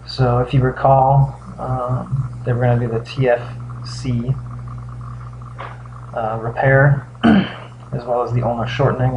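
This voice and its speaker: A man giving a casual, halting video update as a patient, sounding weak and drained the day after surgery. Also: medium pitch. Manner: halting, pausing often mid-thought. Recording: dull lo-fi sound with faint hum.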